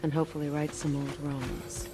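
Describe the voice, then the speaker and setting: A woman's voice: low voice, flat delivery, over loud music, natural voice. A woman voicing a wry, weary mother. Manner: dry, sarcastic, measured.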